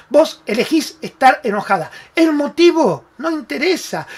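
A man with an Argentine Spanish accent hosting a live-streamed self-help talk, emphatic and affectionate, calling viewers by name. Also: extremely high pitch. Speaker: spiritual talk show host.

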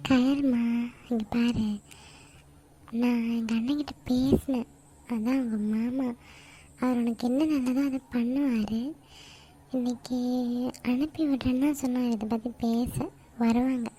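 A woman's voice: fairly high pitch, steady tone, measured pace, long pauses, dark tone, husky, poor audio. A woman voicing a middle-aged cartoon mother who talks to her daughter fondly and teasingly. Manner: affectionate, teasing. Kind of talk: cartoon voice acting.

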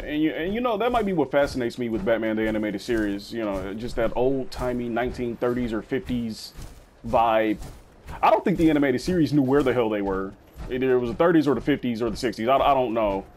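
Young male let's-play host, slangy and rambling, mid-pitch, faint background hiss. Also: animated, brisk, darkish tone. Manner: rambling, slangy, keeps saying bro. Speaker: gaming video host. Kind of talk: casual let's-play commentary.

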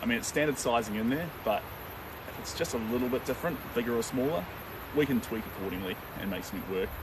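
A young man livestreams himself painting outdoors on a lawn under open sky, answering viewer comments in a relaxed, chatty way with many ums. His mid-range voice is fast. The camera stands a few meters away, so the mic is distant and loud wind and leaf noise come through.

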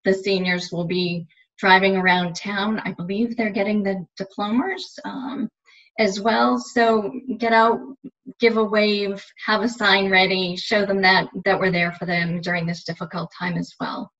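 A woman's voice: mid-range voice, flat delivery, unhurried, fairly bright tone. A woman in her forties speaking as a guest on a video call, encouraging the community to show support. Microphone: laptop webcam video call. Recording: slightly dull video call audio.

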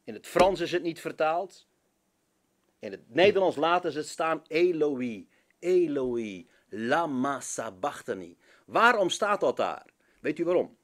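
Pastor from preaching, slow and lively, hits every word hard. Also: male voice, on the high side. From Zeeland, Netherlands. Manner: switches between Dutch, English and French, emphatic preaching. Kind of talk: sermon.

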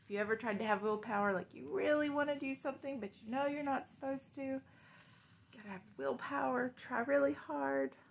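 A young adult woman sits on a couch in a small living room, reading a children's story aloud and adding simple explanatory asides for young listeners. Her voice sits high and is brisk and gravelly, with a little hiss or hum.

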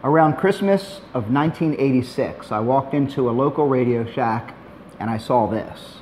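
Middle-aged male tutorial host, mid-pitched, easygoing and plainspoken, faint noise behind. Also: moderate pace. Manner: relaxed, plainspoken, dry asides. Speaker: maker demonstrating a robot build. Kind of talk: tutorial narration.

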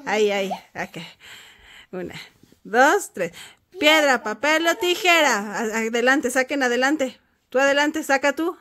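A woman's voice: high-pitched, lively intonation, measured pace, bright, forceful tone. A woman, hosting a casual family vlog at home as a mother, patiently walking her children through each step. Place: home bedroom.

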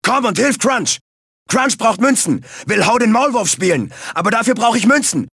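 A big cartoon bandicoot bruiser for a video game, pitched very high for a male voice and swooping in animated bursts. He is boastful, hot-tempered and childish, barking blunt taunts in a raspy voice. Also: moderate pace, no room sound, studio quality, full character voice. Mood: bossy, excited. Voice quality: gravelly, raspy. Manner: blunt simple third-person talk, bossy and taunting.

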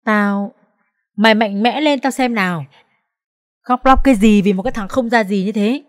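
A woman voicing a brash, foul-mouthed young female friend who scolds loudly and swears, in an audiobook. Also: medium pitch, moderate pace, dry recording, clean studio sound, voice pushed up, natural voice. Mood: angry, scolding. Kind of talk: audiobook character voice.

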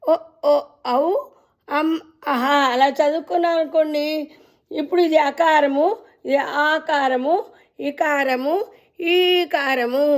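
A woman teaching the alphabet, chanting each letter name slowly and drawing out the sounds, and gently addressing her listeners. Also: sits high. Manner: drawn-out chanting of letter names. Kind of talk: slow teaching recitation.

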